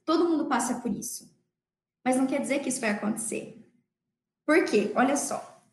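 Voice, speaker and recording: High-voiced chatty Brazilian woman, echoey room. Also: moderate pace. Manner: chatty, often checks in with listeners. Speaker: dentist. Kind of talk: casual storytelling to an audience of colleagues.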